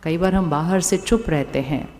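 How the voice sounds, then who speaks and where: A woman giving a calm spiritual talk to a live audience. She keeps asking the crowd questions and repeats her phrases. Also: fairly low pitch, normal speed, a little hiss or hum. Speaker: spiritual speaker. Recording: long hall reverb.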